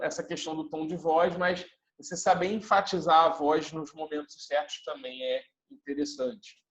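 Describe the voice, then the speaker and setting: A man's voice: sits high, a bit bright, lo-fi sound. A man gives a casual video lecture, explaining step by step and often checking in with his audience. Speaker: teacher.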